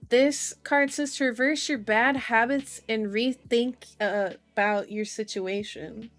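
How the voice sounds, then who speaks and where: Over soft background music, a livestream host muses and chats while reading tarot and horoscopes aloud, often stretching her words. She speaks slowly in a steady, fairly high and fairly bright voice.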